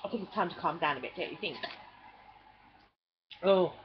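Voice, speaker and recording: A woman's voice: on the low side, expressive, normal speed, slight background noise. A woman chatting casually at home and cooing fondly at her pets. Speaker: pet owner filming at home. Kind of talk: casual home video chat. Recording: dull lo-fi home video.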